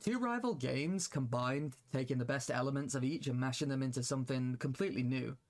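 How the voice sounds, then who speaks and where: A young man narrating a game mod review in a casual tone, dropping in "like" often. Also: mid-range voice. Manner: casual with frequent "like" fillers. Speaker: gaming YouTuber.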